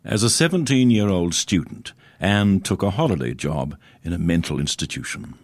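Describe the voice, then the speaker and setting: A man's voice: deep voice, lively intonation, normal speed, no room sound. A man, hosting a heritage radio show and introducing segments in a solemn scripted read.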